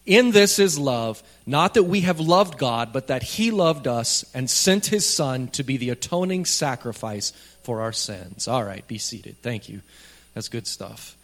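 At the pulpit mic of a church sanctuary, a male pastor delivers a sermon in a plain, chatty way, slipping in light jokes for the congregation. His voice is medium-pitched, animated and a bit bright, and he speaks unhurriedly.

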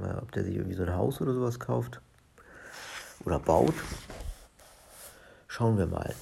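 A man reading a children's book aloud in a relaxed, chatty way, as a regular daily reader. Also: on the low side, creaky, a little hiss or hum.

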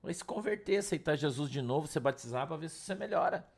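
A pastor from Brazil preaching an informal sermon, blunt and scolding, full of slang. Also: male voice, on the high side, animated, quick pace, gravelly, breathy edge. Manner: blunt, scolding, slangy, mimics whiny congregants.

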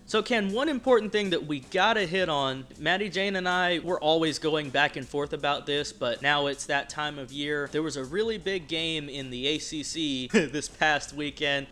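Male sports host from Virginia, slightly high bright voice, teasing and emphatic in casual banter.

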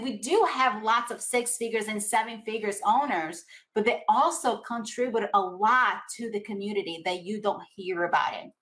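Motivational coach, female, Latin American accent, somewhat high voice, emphatic and repetitive, often asking the listener questions. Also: a bit bright, low-quality recording. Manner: emphatic, repeats phrases, rhetorical questions. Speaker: network marketing coach. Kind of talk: motivational coaching talk to camera.

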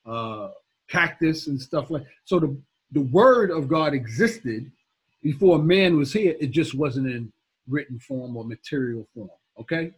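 A man's voice: fairly high pitch, animated, unhurried, husky, low-quality recording. A man giving an informal Bible teaching, repeating his points with emphasis and talking directly to his listeners.

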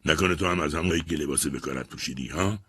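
A man voicing a troubled young army lieutenant who is withdrawn and bitter, speaking in a flat, curt, guarded way. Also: rumbling low, husky, full character voice.

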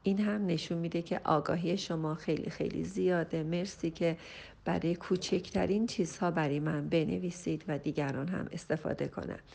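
A woman's voice: lowish voice, fairly even intonation, vocal fry, darkish tone. A woman family counselor reading a listener's question and answering it with earnest, emphatic parenting advice. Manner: earnest, advising, slows and rises for emphasis. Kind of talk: recorded voice message answering a listener.

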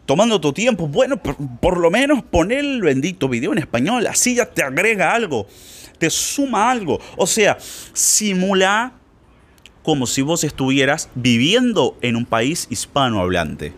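A man from Brazil whose first language is Portuguese, giving a casual online Spanish lesson and acting out little scenes as he goes. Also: unhurried. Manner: lively, playful, acts out little scenes with shifting pitch. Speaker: Spanish teacher.

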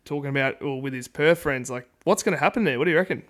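A man's voice: mid-range voice, fast talker. An Australian man co-hosting a casual football podcast in a wooden shed, rambling along in a colloquial, conversational way. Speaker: sports podcast co-host.

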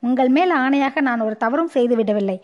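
Earnest young prince, pleading, read by a woman, high-pitched, audiobook story, muffled audio. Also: fairly quick, lightly acted.

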